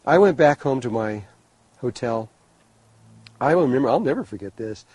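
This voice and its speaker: Husky, warm-toned man telling a story. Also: medium pitch, normal speed, dry recording, rough recording. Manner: rambling, animated storytelling with restarts. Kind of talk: storytelling talk.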